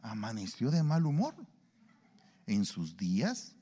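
Animated male preacher in a reverberant hall. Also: lowish voice, takes it slowly, breathy edge. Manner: animated, acts out everyday dialogues. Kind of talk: sermon.

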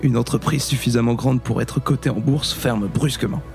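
A man's voice: medium pitch, normal speed, vocal fry, music in the background, lightly acted. A man playing a cold, menacing middle-aged drug kingpin in a comic read-through.

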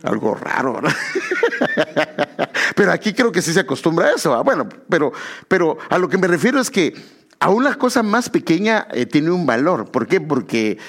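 A Guatemalan man preaching with a Guatemalan Spanish accent. His somewhat high voice swings up and down, and he keeps turning to his listeners as brothers. He often stops to correct himself mid-thought. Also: fairly quick. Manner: animated, addresses listeners as brother, self-correcting. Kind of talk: sermon.

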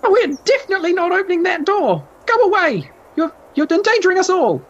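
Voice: very high-pitched, big pitch swings, brisk, lo-fi sound, voice pushed up. A game master voicing a frightened gecko villager who is hiding behind a door and is suspicious of visitors. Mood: fearful. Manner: nervous, suspicious, pleading.

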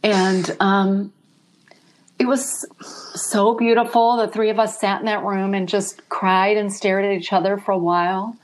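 A middle-aged woman speaking softly and reflectively as an interview guest, emotional as she talks. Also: mid-range voice, little pitch movement, moderate pace, few pauses. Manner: soft-spoken, reflective, emotional.

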